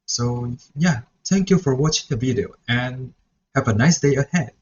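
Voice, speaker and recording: A young man whose first language is Mandarin reflects on his student teaching in a vlog, speaking at a moderate pace in a mid-range voice. He sounds hesitant and keeps restarting with "so yeah." The recording is dull and lo-fi, with a slight hiss or hum.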